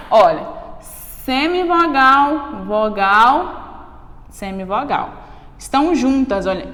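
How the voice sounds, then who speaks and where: A Brazilian woman teaching a school grammar lesson, slowly spelling out syllables and checking in with "ok?". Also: a little high, fairly bright tone. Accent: Brazilian Portuguese. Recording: echoey room with long reverb.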